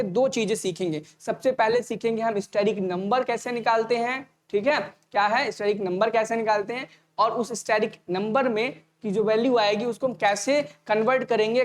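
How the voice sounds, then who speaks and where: A high-pitched man races through an online exam-prep lecture. Each point comes back as a question aimed at the students, which he then answers, all in a casual, direct style.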